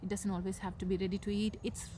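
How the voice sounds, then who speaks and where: A woman's voice: medium pitch, flat delivery, quick pace. Woman from sri lanka chatting in an interview, lots of uhs, mid voice, noisy background. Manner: warm storytelling with many fillers and restarts. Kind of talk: casual interview chat.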